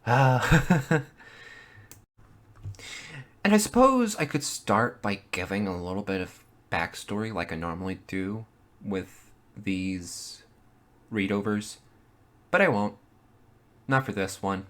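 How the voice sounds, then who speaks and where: A man with a squeaky, chipmunk-like voice, chatting casually and giggling as he introduces a reading. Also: big pitch swings, slow pace, long pauses, a bit bright. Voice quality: high-pitched, squeaky "chipmunk" voice. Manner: giggly, breaking into laughter. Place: bedroom.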